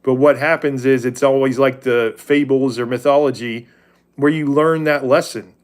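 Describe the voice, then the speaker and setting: A man's voice: medium pitch, steady tone, normal speed. Man, 40s, livestream host; candid, rambling faith talk with viewers. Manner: rambling and candid, often restarts and corrects himself.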